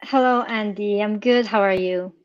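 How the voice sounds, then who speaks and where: A woman from Morocco, a guest on a video call, friendly and quick to laugh, who often repeats words as she starts a thought. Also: mid-range voice, muffled recording. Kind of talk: casual interview answers.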